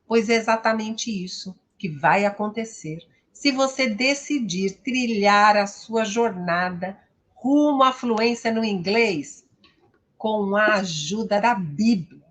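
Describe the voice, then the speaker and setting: This woman's mid-range voice moves slowly. She has a Brazilian accent and acts as an English teacher and host, delivering a promotional lesson in an emphatic, didactic style that leans heavily on tag questions.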